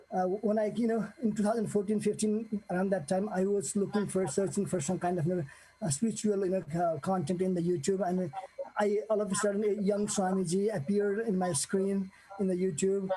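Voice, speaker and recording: High, husky man. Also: warm tone, rough recording. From Nepal. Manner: earnest, halting, many fillers and restarts. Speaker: guest sharing a devotee testimony. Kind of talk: casual spoken testimony.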